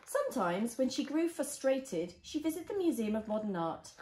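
A woman's voice: high-pitched, big pitch swings, moderate pace, mellow. A woman, a mother, reading a storybook aloud to a toddler expressively, with simple explanations and little questions. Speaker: mother reading a picture book to a child. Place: indoors, small living room at home. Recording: roomy echo of a home room.

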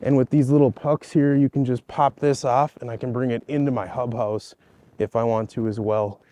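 A man's voice: mid-range voice, steady tone, moderate pace, mellow, highs cut off. A man in his thirties, outdoors on a frozen lake, chatty and enthusiastic as he shows off his gear, laughing between words. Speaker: ice-fishing video host. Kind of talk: casual gear walkthrough.

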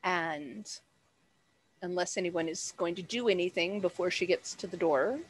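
A woman's voice: fairly low pitch, moderate pace. A woman game master narrating a tabletop game over a headset on a video call.

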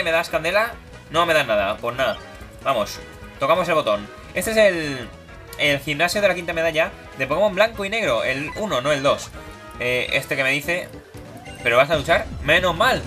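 A young man gives casual, playful commentary while playing a video game. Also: sharp tone. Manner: playful, voices game characters in silly high tones. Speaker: gaming YouTuber. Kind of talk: casual Let's Play commentary. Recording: game music behind voice.

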